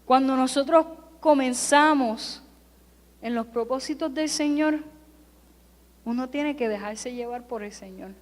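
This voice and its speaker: Her high voice moves a little slowly, with long pauses, as this woman from California delivers a Sunday sermon full of emphatic, repeated parallel phrases. She is in a church sanctuary, and the recording has a long hall reverb.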